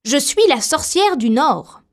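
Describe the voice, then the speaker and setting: A woman voicing a kindly little old good witch who speaks calmly and gently. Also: sits high, slow, exaggerated voice. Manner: calm, gently reassuring.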